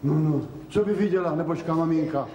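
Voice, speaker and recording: A man's voice: a little high, dark tone, dull audio, lightly acted. A man playing an exasperated worn-out husband. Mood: indignant. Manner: exasperated, protesting. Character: worn-out middle-aged husband, indignant and defensive. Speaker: factory-worker husband. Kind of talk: 1970s TV drama acting. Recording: echoey 1970s TV film sound, faint hiss.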